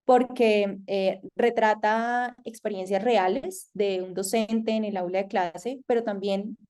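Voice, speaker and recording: Colombian woman lecturer, soft mellow tone, measured and hesitant delivery, frequent pauses. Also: medium pitch, steady tone. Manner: thoughtful, hesitant with frequent fillers. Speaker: masterclass lecturer. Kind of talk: online lecture.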